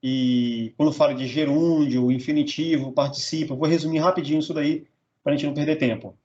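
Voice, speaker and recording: Brazilian teacher drilling syllables. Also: male voice, fairly high pitch, fairly even intonation, fairly quick, darkish tone, muffled recording. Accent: Brazilian Portuguese. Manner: drills words syllable by syllable, asks "tá?" and "beleza?". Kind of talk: grammar lesson.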